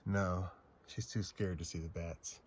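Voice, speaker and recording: A man's voice: deep voice, steady tone, measured pace, husky. A man in a casual hiking vlog, talking upbeat and playful inside a cave, his voice echoing off the rock on a handheld camera mic. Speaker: hiking vlogger. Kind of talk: casual outdoor vlog chat.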